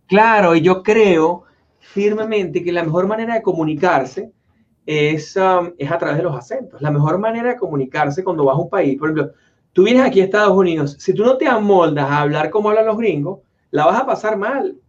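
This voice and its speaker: A man's voice: sits high, lively intonation, brisk. A man hosting a casual interview, rambling with lots of restarts and fillers. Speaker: interview host. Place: home office in Florida. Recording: dull lo-fi audio.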